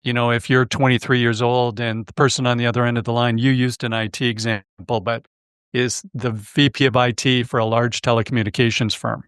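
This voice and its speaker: A man's voice: medium pitch, level tone, fairly quick, a bit bright, clear, resonant tone, no room sound, clean studio sound. A man hosting a sales podcast, interviewing a guest in a conversational, engaged way. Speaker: podcast host.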